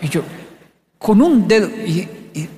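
A man's voice: sits high, slow, a little hiss or hum. A man from gives a motivational talk on leadership, telling stories and acting out the quotes. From Latin America. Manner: animated storyteller acting out quotes. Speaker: speaker on leadership. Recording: long hall reverb.

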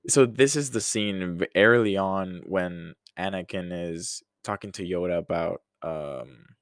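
A young man in his early twenties with a very low voice talks through a casual solo podcast. He takes his time, rambling with sighs and small laughs. The recording is close and dry, with no room sound. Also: dry recording. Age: early 20s. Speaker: podcast host.

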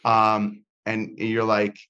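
A man's voice: fairly low pitch, monotone, very slow, sharp tone, smooth, lo-fi sound. A man talking as a podcast guest in casual chat, rambling and restarting with many fillers. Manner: rambling, self-interrupting, frequent fillers. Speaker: podcast guest, comedy content creator.

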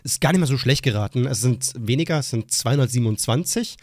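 Lively young man on a podcast. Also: medium pitch, fast, no room sound, studio quality. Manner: animated storyteller, acts out quotes with big laughs. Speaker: podcast co-host. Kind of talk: casual podcast chat.

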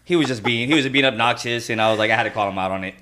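A man with a medium-pitched voice co-hosts a casual podcast. He tells everyday anecdotes in a colloquial, rambling style, talking as if among friends. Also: very fast, pushed and bright. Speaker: podcast co-host.

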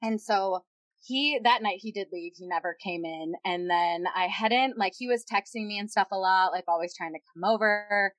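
A woman's voice: mid-range voice, moderate pace, a bit bright, dry recording. A woman casually telling a personal story, rambling with lots of fillers. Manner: rambling, filler-heavy, many "like"s and "yada yada".

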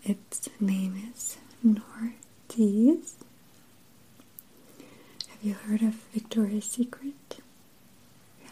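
A woman whispering softly and slowly as a perfume shop assistant in an ASMR roleplay, close to the microphone. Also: medium pitch, slightly rough, rough recording. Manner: soft unvoiced whisper, slow and soothing.

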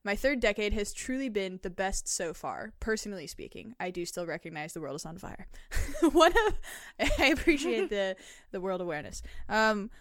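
A woman's voice: medium pitch, normal speed, no echo. Laughing woman podcast host, dry close mic. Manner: laughs often, animated reading, filler likes. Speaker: podcast co-host reading listener stories. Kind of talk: casual podcast chat.

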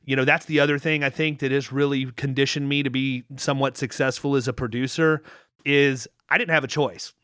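A middle-aged man in casual conversation, telling long rambling anecdotes with restarts and lively quoted dialogue. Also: mid-range voice, a little fast, clear, resonant tone, no room sound, studio quality.

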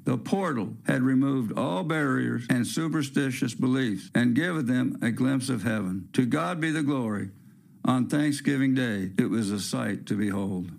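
Earnest male storyteller with a gravelly voice, radio read. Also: mid-range voice, a little mellow. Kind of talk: reading a story aloud.

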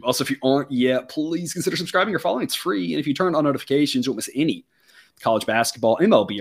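Very fast-talking male sports host. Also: mid-range voice. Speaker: sports betting show host. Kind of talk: conversational sports show presenting.

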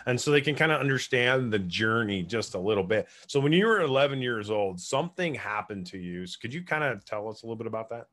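A man hosts an interview podcast in an earnest, lively way and often rushes his questions. His voice sits at an ordinary pitch for a man. The recording is dry and close, with no room sound. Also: dry recording. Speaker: podcast host.

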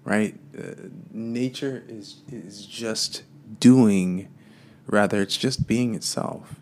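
A man's voice: lowish voice, takes it slowly, slight background noise. A man giving a casual, meandering spiritual talk, full of fillers and loose asides.

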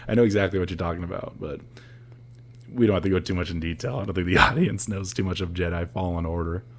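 A man's voice: sits low, quick pace. A young American man co-hosting a podcast in casual, slangy, profane chat. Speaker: podcast co-host.

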